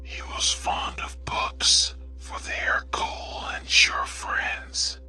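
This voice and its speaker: A man reading short sayings in a hushed, breathy ASMR whisper, deliberate and measured. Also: faint music behind. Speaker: narrator reading quotations.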